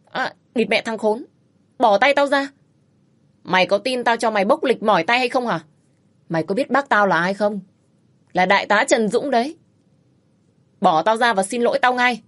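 A woman voicing a violent, cursing young husband who bullies and shouts at his wife in a spoken audio story. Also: sits low, lively intonation, fast talker, few pauses, husky, no echo, heavily acted. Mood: shouting abuse. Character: violent, foul-mouthed abusive young husband.

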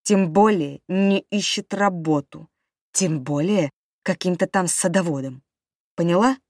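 A woman voicing an abusive young husband who shouts with contempt, in a dry audiobook reading. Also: fairly low pitch, moderate pace, no room sound, lightly acted. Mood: raging.

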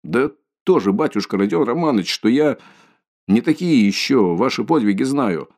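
A man's voice: medium pitch, lively intonation, normal speed, darkish tone. A man voicing a sly, fussy middle-aged male police investigator who wheedles and fawns, in an audiobook reading. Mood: insinuating. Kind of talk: audiobook character voice.

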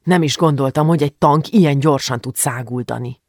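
A reader puts on an excitable young boy who tells his story with boastful eagerness. The voice is gravelly and the recording dry and close. This is an audiobook scene with his lines acted out. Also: mid-range voice, no echo, close to an everyday voice. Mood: excited.

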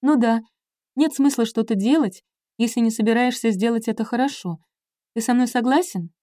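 A woman's voice: a little high, moderate pace, dark tone, dry recording, studio quality, pitched above the performer's own voice, close to an everyday voice. A woman reading an audiobook, voicing a playful, impulsive young woman in a chirpy, teasing tone. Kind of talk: audiobook character voice.

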